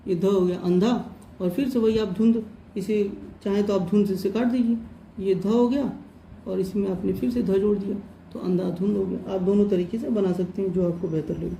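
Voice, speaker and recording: A man's voice: sits high, steady tone, moderate pace, vocal fry, mellow. A man teaching shorthand in a patient, step-by-step way, repeating each point and calling his listeners friends. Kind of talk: step-by-step tutorial explanation. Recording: roomy echo, faint background noise.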